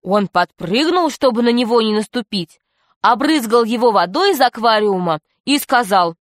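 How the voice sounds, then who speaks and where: A woman's voice: a little high, expressive, normal speed, no echo. Woman reading a children's story, dry sound. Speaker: narrator. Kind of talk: audiobook narration of a children's story.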